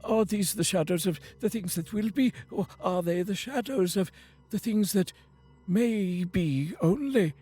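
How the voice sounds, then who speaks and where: A man voicing Scrooge as a terrified old miser, pleading desperately in an audiobook reading, with a husky voice. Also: high voice, animated, a little slow, dark tone, pitched above the performer's own voice, exaggerated voice. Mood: urgent questioning.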